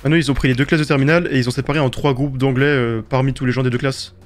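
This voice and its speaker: A young French man chatting casually while gaming, quick and slangy. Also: medium pitch, steady tone. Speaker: gamer.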